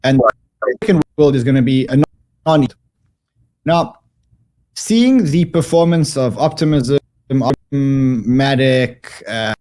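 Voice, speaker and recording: A man's voice: medium pitch, a little slow, long pauses, warm tone. A man joins over a video call whose audio clips and distorts, with some lines sounding set back from the mic. He talks emphatically and repeats words as he restarts his sentences. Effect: clipping, distorted audio. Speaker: guest commentator. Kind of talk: remote interview discussion.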